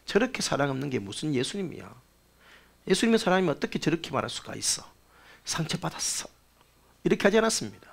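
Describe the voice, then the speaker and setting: A male pastor preaching a sermon, telling a story with rhetorical questions, swinging between loud bursts and quiet asides. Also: on the high side, very animated, fast, vocal fry. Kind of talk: sermon with anecdote.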